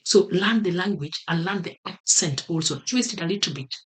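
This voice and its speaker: A Kenyan man with a Kenyan accent vlogs a motivational talk to camera, speaking earnestly and repeating his key advice for emphasis. His voice is high and fairly bright, at a moderate pace.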